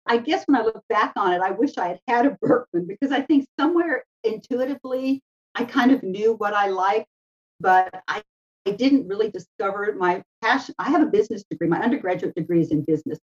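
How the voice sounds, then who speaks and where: A woman's voice: medium pitch, lively intonation, brisk. A woman speaking as an interview guest in a conversational, anecdotal way. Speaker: interview guest, education adviser. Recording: slightly dull, lo-fi sound.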